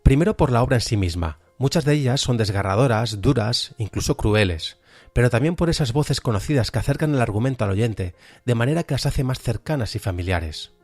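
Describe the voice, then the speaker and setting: With background music behind him, a man from Spain, speaking with a Spanish accent, gives an enthusiastic, semi-scripted podcast review of radio drama. His mid-range voice is expressive and brisk, with a darkish tone.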